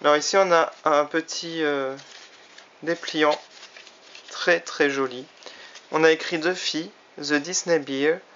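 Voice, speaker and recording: A man's voice: on the high side, steady tone, slow pace, long pauses, sharp tone, a little hiss or hum. A man casually reviewing a toy he bought, chatty and often hesitating with fillers. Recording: slightly dull lo-fi recording.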